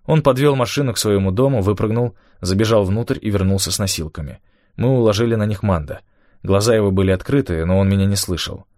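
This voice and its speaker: A man narrating an audiobook in a steady, measured first-person storytelling manner. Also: lowish voice, no echo, clean studio sound.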